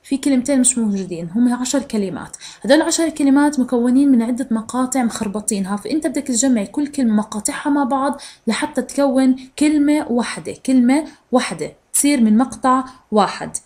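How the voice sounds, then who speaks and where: Woman, English teacher, recorded lesson, slow drawn-out English words, quick explanations, slightly high voice. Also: animated, a little mellow. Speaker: sixth-grade English teacher.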